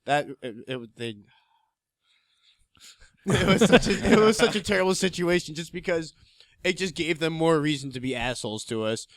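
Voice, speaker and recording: A young man from New Jersey casually telling a story on a podcast, acting out officers in a lower, quieter voice. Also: expressive, normal speed, long pauses, no room sound, studio quality. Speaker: podcast co-host.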